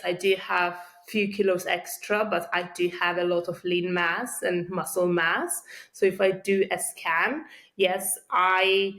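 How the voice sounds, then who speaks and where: A woman with a Lithuanian accent, a podcast guest telling her own story earnestly, pausing often with fillers. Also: fairly low pitch, fairly bright tone. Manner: earnest, halting with frequent pauses and fillers. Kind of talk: interview storytelling.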